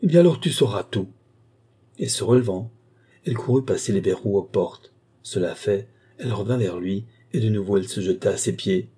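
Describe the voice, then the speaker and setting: A man reading a novel aloud in a measured, dramatic narration. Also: lowish voice, warm tone, breathy edge. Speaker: audiobook reader. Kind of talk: scripted narration.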